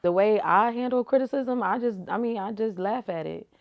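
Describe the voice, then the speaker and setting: A woman's voice: mid-range voice, normal speed, lo-fi sound. A young woman giving casual, slangy answers as an interview guest, laid-back and full of "like" and "you feel me". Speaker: rapper and reality TV personality, guest.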